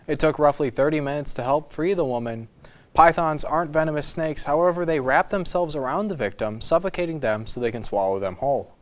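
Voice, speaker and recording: A man's voice: a little high, brisk. A man reading scripted news stories as an anchor on a student newscast.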